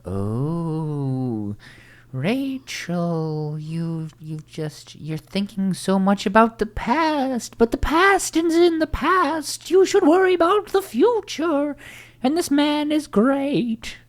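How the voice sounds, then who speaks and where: Gushing female tarot reader, high sing-song swoops, done by a man. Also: lively intonation, slow pace, full character voice. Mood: mystical, sing-song.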